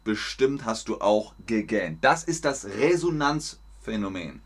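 A man teaching a German lesson on a stream, speaking slowly and clearly, repeating words for learners and adding lively sounds and laughs. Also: on the low side.

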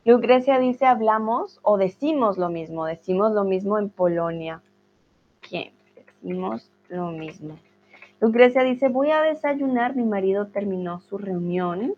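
A woman's voice: medium pitch, lively intonation, unhurried, a little hiss or hum. A woman teaching Spanish in a live-streamed lesson, reading out viewers' chat comments and answering them in a patient, encouraging way. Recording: dull lo-fi stream audio.

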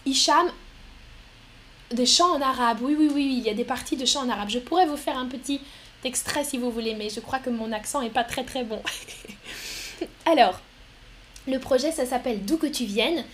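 A woman with a fairly high voice hosts a live stream, speaking slowly and clearly. She reads viewer comments aloud and answers them, often with a light laugh. A faint background hiss runs under her voice. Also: fairly bright tone. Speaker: livestream host.

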